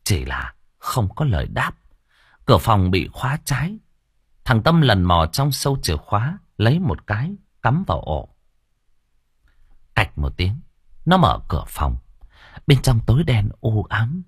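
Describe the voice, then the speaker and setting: Lively husky male storyteller. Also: on the low side, a little slow, pauses often, dry recording, studio quality. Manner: lively, expressive reading. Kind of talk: audiobook narration.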